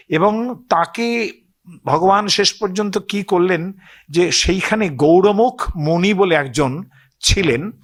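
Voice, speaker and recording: A man's voice: fairly high pitch, a bit bright. A man with a Bengali accent telling old stories to an audience in a loose, digressive way, often asking listeners to agree. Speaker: speaker on scripture and myth. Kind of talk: storytelling talk to an audience.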